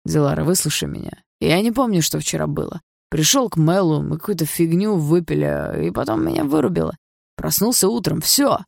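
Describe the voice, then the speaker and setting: A woman voicing a nervous, defensive young boyfriend who pleads and shouts in breathless outbursts. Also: low-pitched, animated, a little fast, creaky, no room sound, clean studio sound, heavily acted.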